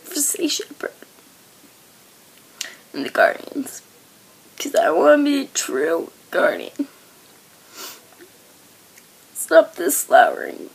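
Upset vlogger: high-pitched woman, tearful, half-whispered, creaky, slow. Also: sing-song. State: crying. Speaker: video blogger. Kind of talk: emotional reaction video.

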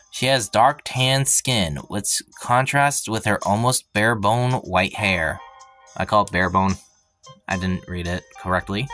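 A man's voice: a little high, a bit bright. A man hosting a let's play, reading a visual novel's first-person narration aloud, stumbling and breaking off now and then for wry asides.

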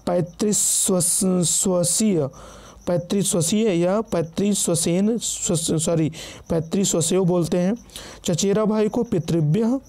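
A man with a high-pitched yet dark, mellow voice teaches an exam-prep vocabulary lesson. He works through a long list word by word, with frequent check-ins to his listeners and quick self-corrections. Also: creaky.

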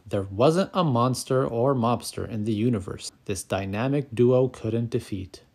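A man narrating a children's picture book aloud, calm and clear, as the channel's storyteller. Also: mid-range voice, a little slow.

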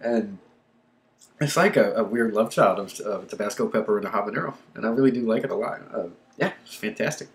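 A man's voice: fairly low pitch, brisk. A man, casually talking through a hot pepper tasting in a rambling, laid-back way, sighing and puffing from the burn. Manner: laid-back, rambling, lots of ums and likes. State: panting and sighing from chili burn. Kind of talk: casual unscripted vlog.

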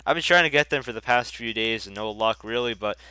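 Speaking brisk and mid-range, a young gaming YouTuber sounds pushed and bright, his tone clean, though stuffy and congested from a cold. He rambles, chats and swears while casually commenting on his game. The recording is rough but has no room sound.

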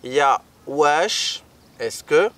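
A man's voice: on the high side, expressive, fairly bright tone. Male co-host, patient and repetitive, voice a little raised, recorded from a distance. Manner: patient, repeats phrases slowly for learners. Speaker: co-host teaching Moroccan Arabic. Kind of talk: casual language lesson. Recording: voice a bit far from the mic.

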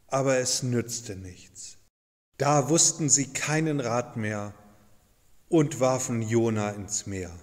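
A man telling a Bible story to children in a slow, dramatic storytelling manner. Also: medium pitch, long reverb tail. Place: church.

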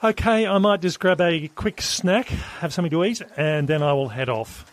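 A middle-aged man, the host of a hiking podcast, recording a relaxed, rambling audio diary outdoors on a trail, with lots of fillers and restarts. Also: a little high, normal speed, dry recording. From Australia.

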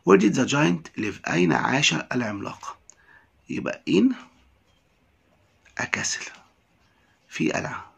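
A man with an Egyptian Arabic accent teaching a primary English lesson. He reads English lines slowly, then explains them in quick Arabic. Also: a little high, very animated, vocal fry, fairly bright tone, breathy edge.

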